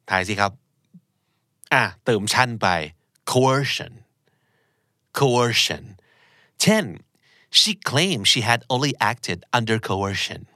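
In a casual English vocabulary lesson, a man patiently explains each word slowly and repeats it. His voice is lowish, pushed and bright, with studio-quality sound and no echo.

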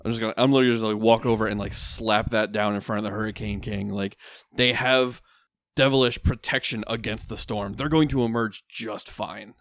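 A man's voice: fairly low pitch, steady tone, a little fast, fairly bright tone, no room sound. A man playing a tabletop role-playing game, casually narrating what his character does. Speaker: tabletop role-play player.

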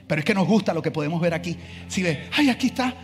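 A man preaching a sermon as pastor, animated, acting out the voices in his stories. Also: fairly high pitch, rapid-fire. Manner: animated, acts out voices in dialogue. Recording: long hall reverb, faint music.

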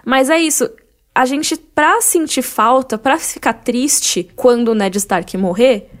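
Mulher com sotaque brasileiro, coapresentadora de um podcast, explicando com entusiasmo e cheia de "né" e "tipo". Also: female voice, high-pitched, slow. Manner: enthusiastic, explains at length with many "né" and "tipo". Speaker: podcast co-host. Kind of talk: casual chat about a book.

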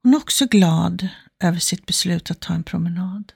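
A woman's voice: on the low side, creaky, darkish tone, husky, no room sound, clean studio sound. A woman telling an illustrative story as a self-help speaker, acting out the characters' inner thoughts in quoted asides. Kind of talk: storytelling example talk.

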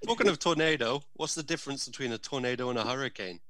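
Jokey British bloke, bright, edgy voice, crude humour. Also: male voice, medium pitch, fast talker, no echo. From Britain. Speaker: podcast co-host, teacher. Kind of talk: casual podcast chat.

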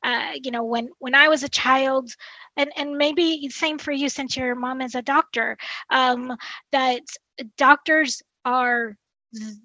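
A woman's voice: sits high, fairly even intonation, slow pace, sharp tone, no room sound, rough recording. A woman speaking as a podcast guest and dietitian, talking earnestly with frequent restarts and "you know.". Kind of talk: casual conversational interview.

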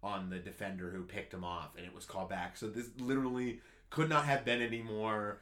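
A man's voice: on the low side, fairly quick. A man, co-hosting a casual sports podcast, telling a story eagerly with lots of restarts. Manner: excitable storyteller, rambling with restarts. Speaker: podcast co-host.

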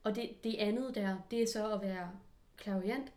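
A woman's voice: medium pitch, a little mellow, far from the mic. Chatty woman asking questions. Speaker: interviewer. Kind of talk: casual conversational interview.

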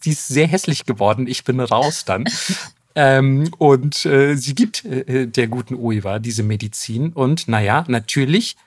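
A man's voice: medium pitch, measured pace, breathy edge. A man hosting a podcast, retelling a story in a casual, slangy way, laughing often and acting out the quotes. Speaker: podcast host.

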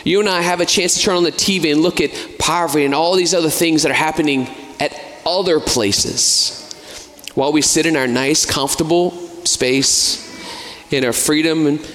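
A man's voice: a little high, moderate pace, fairly bright tone. An American man preaching a sermon in a conversational way, with casual asides and fillers. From United States. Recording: long hall reverb.

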